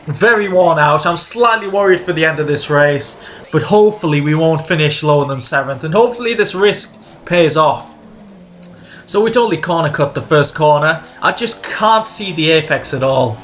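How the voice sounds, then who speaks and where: A man commentating on his own racing game playthrough, excitable and jumping up in pitch when the action gets tense. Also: moderate pace, slight background noise. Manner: excitable, rises sharply in pitch during tense moments. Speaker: gaming video creator. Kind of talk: let's-play racing commentary.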